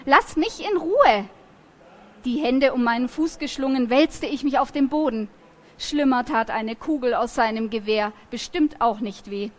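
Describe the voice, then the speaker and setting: A woman reading a novel aloud in a lively, expressive storytelling manner. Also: on the high side, moderate pace. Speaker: reader.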